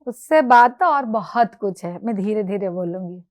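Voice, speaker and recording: A woman's voice: mid-range voice, expressive, normal speed. A woman interviewing a guest, politely addressing him as sir and asking short questions. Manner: polite, says sir often, short acknowledgements. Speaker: interviewer, magazine editor.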